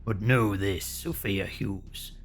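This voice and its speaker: A man voicing a stern demonic judge from a video game, in a slow, solemn, possessed manner of pronouncing doom. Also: on the low side, pitched below the performer's own voice. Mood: solemn, condemning. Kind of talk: dramatic video game role-play. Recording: music behind the voice.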